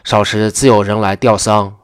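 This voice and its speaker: A man reading the lines of a calm, wry wandering old monk in an unhurried, matter-of-fact way. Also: fairly low pitch, clear, resonant tone, no room sound, studio quality, lightly acted.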